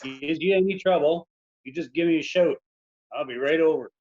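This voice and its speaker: An actor playing an avuncular, folksy, protective neighbor in a period drama screenplay reading. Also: male voice, on the high side, normal speed, darkish tone, highs cut off, close to an everyday voice. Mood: friendly, concerned.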